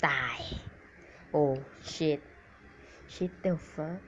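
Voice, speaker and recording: A man with a cold giving rambling, excitable commentary on a mobile game, swearing at it now and then. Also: on the high side, very slow. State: has a cold. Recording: dull lo-fi recording with faint hiss.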